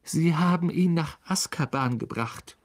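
A man's voice: fairly high pitch, unhurried, voice pushed up, natural voice. A man voicing a frightened but brave schoolboy wizard in an audiobook, speaking in a raised, urgent, breathless way. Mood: anxious.

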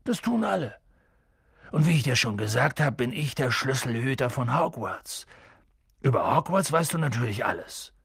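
A man reading an audiobook and voicing a huge, hot-tempered but kind male giant who swings between hushed whispers and booming shouts. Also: big pitch swings, normal speed, vocal fry, breathy edge, no echo, studio quality, full character voice. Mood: matter-of-fact.

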